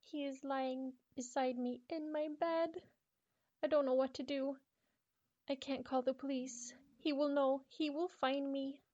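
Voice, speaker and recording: A woman playing a frightened, obsessive schoolgirl, high-pitched. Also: steady tone, moderate pace, muffled recording, close to an everyday voice. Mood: terrified, pleading. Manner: pleading, stammering, repetitive. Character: frightened, obsessive young schoolgirl writing her diary. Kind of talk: dramatic horror diary reading.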